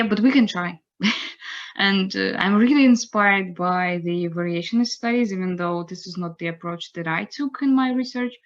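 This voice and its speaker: A young woman giving an online lecture, unhurried and pausing to search for words. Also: on the low side. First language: Russian. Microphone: computer mic on a video call. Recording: slightly dull video-call audio.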